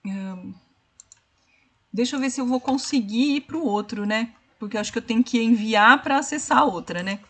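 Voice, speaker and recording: A woman teacher, her voice sitting a little high for a woman. She talks through a screen-shared lesson in a patient, explanatory way. She often stops to ask "né?" and slows right down to count syllables aloud. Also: fairly bright tone. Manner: explanatory, repeats "né?" and "ó"; slows down to count syllables and spell out rhyme schemes. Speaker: literature teacher. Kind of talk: online tutoring session.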